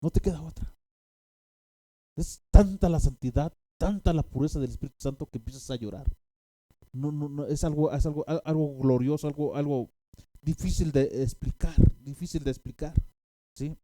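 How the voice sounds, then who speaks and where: A man's voice: on the high side, normal speed, dark tone, no room sound. A man preaching a sermon, telling a story with many restarts and fillers and bursts of animation.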